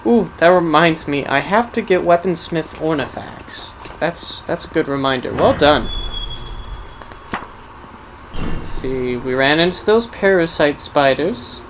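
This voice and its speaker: A man's voice: fairly high pitch, animated, a little slow. A man giving casual, rambling gameplay commentary as host, musing wryly as if to himself. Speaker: gaming video host. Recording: clearly noisy background under voice.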